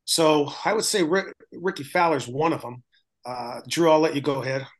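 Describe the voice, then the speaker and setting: A man's voice: fairly high pitch, normal speed. An older man co-hosting a casual sports podcast, plain and matter-of-fact. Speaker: podcast co-host.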